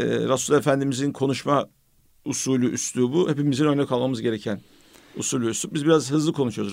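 A man hosting a casual radio talk, reflective and measured, with pious phrasing now and then. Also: mid-range voice, creaky, no echo, studio quality. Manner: reflective, speaks with religious phrases. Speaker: radio host.

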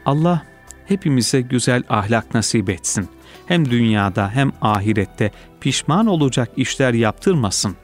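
A man reading a personal essay aloud in a calm, measured, reflective way. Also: mid-range voice. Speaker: reader. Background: faint music.

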